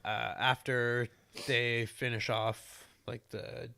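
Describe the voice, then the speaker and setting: A man's voice: mid-range voice, little pitch movement, slow pace, creaky, pushed and bright, smooth. A man co-hosting a podcast, chatting casually about a movie in a rambling, self-correcting way. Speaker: podcast co-host. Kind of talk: casual movie review chat.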